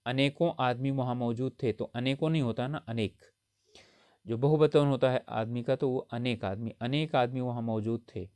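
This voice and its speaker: A man's voice: mid-range voice, steady tone, normal speed, darkish tone, clean tone, no echo. A man teaching a grammar lesson for exam preparation, explaining each correction patiently and often checking in with his students. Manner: explanatory, repeats points with frequent "theek hai" checks.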